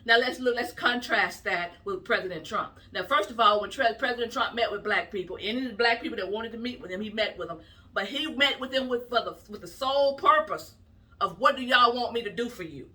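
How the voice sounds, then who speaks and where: A woman political commentator talks straight to her viewers in an emphatic, indignant, conversational way. Her voice is bright and forward. The mic sits a little away from her. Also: fairly high pitch, fairly quick, recorded from a distance. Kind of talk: opinion vlog.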